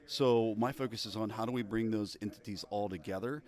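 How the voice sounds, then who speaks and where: A man with a low voice answers interview questions at a busy conference. He explains in a steady, measured way, full of business terms. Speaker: interview guest, product marketing director.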